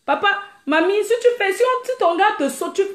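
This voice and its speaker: Woman, live-stream host, high-pitched, brash, teasing, echoey room. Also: brisk. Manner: brash, teasing, laughs often; animated, mimics crying sounds. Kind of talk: casual live-stream chat.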